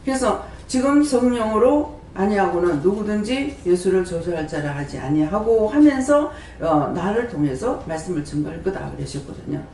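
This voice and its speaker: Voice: mid-range voice, very animated, moderate pace, few pauses, a little mellow, a little hiss or hum. A prayer house director preaching a sermon in a conversational way, asking the congregation questions and quoting scripture. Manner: quotes scripture and acts out dialogue. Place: prayer house church hall. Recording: roomy hall sound from a distance.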